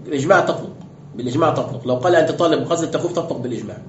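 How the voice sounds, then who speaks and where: A brisk sheikh explains texts to his students, throwing out rhetorical questions as he goes. His voice sits a little high, and the lo-fi recording sounds roomy and dull. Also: expressive, darkish tone, slight background noise. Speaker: sheikh teaching exegesis. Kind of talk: classroom lecture with commentary.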